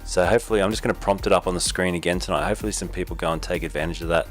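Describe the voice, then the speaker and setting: An Australian man hosts a sim racing broadcast, giving a casual post-race wrap-up and reading sponsor plugs in an easygoing manner. His low voice stays fairly even as he races along, with soft background music playing.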